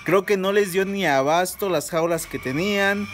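A man's voice: sits high, moderate pace, noisy background. A young man with a Mexican Spanish accent, chatting informally into a phone held at arm's length outdoors under trees, with fillers and restarts. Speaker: miniature rooster breeder vlogger. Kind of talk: casual selfie vlog review. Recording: phone audio with roosters crowing behind.

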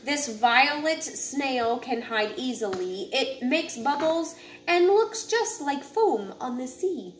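A high-voiced woman reads a children's picture book aloud slowly and unhurriedly, in a deliberate, instructive way. She is indoors in a home living area with a kitchen, and the noisy home recording carries room ambience and faint background noise.

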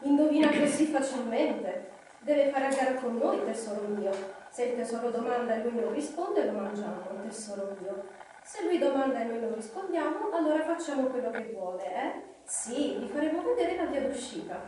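A woman's voice: on the high side, lively intonation, dark tone, lightly acted. A woman voicing a hissing, wheedling male cave creature, sly and hungry, at a live reading. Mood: hissing eager. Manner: hissing, drawn-out, slyly ingratiating. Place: live reading evening in a hall. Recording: echoey hall, distant mic, faint noise.

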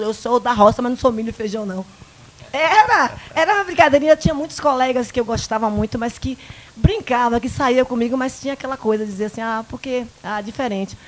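Her voice runs a little high: a woman in her fifties from the Bahia interior, with a Bahian Brazilian Portuguese accent, guesting on a casual interview at a small local studio. The event producer animatedly tells stories about her life into a handheld mic, acting out conversations and frequently adding "né?".

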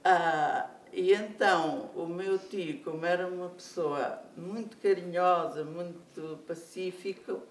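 Older speaker, European Portuguese accent, slow recollection, distant from mic. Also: medium pitch, steady tone, slight background noise. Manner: slow, halting recollection with many restarts. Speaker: senior storyteller. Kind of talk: life story told aloud. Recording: echoey room, speaker far from mic.

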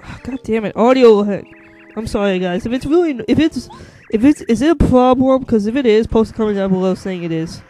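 A man's voice: very high voice, lively intonation, brisk, mellow, soft background music. A young man giving casual gameplay commentary as the host, swearing often and tripping over words. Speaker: let's play host.

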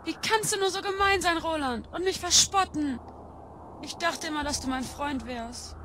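A woman's voice: sits high, normal speed, sharp tone, a little hiss or hum. A woman voicing an earnest young village bride in a fan-made game mod. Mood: hurt. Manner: earnest, heartfelt.

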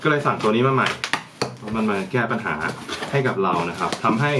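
Guy unboxing stuff and chatting away, lowish voice, little bit of room noise behind. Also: expressive, fairly quick. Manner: chatty, thinks aloud while handling gear. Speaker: vlogger reviewing gear. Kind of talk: casual unboxing talk.

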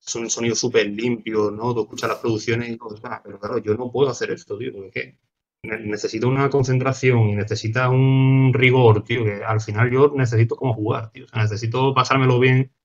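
A man with an Andalusian Spanish accent, a guest musician chatting casually and fast, full of slang fillers. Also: medium pitch, little pitch movement. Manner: fast, slangy, says "tío" and "¿sabes?" constantly. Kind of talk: casual podcast chat. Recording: dull lo-fi sound.

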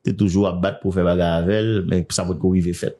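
A man hosts a gossip news segment, chatting loosely and laughing between the details he reads out. His voice sits low, with a dark, mellow tone. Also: level tone, fast. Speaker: news show host.

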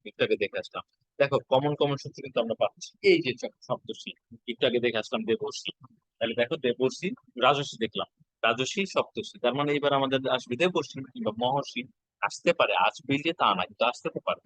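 A man's voice: medium pitch, big pitch swings, fast talker, a bit bright, no room sound, low-quality recording. A male teacher, giving an exam-prep lesson and patiently repeating each step.

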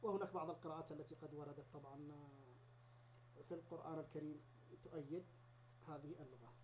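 A man lecturing on grammar at university level, explaining step by step and repeating example words slowly. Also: on the high side, steady tone, background noise. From Yemen. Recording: dull lo-fi lecture recording.

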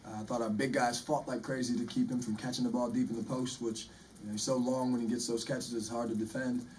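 A man in his forties, a head basketball coach, answering postgame press questions in a measured way and often repeating words while he thinks. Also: mid-range voice, level tone, darkish tone. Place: press room in front of a sponsor backdrop. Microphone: table microphone, recorded from the room. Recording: distant room mic with faint noise.

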